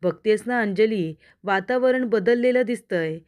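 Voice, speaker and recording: A woman's voice: mid-range voice, a little slow, a little mellow, close to an everyday voice. A woman reading the lines of a cheerful, teasing older uncle at breakfast in a story recap.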